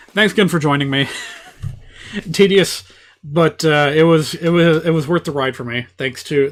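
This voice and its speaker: A man's voice: a little high, fairly bright tone. A man doing casual live game commentary as a streamer, in a wry, rambling way.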